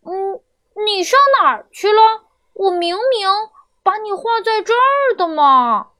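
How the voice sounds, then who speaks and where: A woman's voice: high-pitched, sing-song, slow pace, fairly bright tone, no room sound, heavily acted. A woman voicing a silly, good-natured young male wolf in a children's story, earnest and childlike. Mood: puzzled.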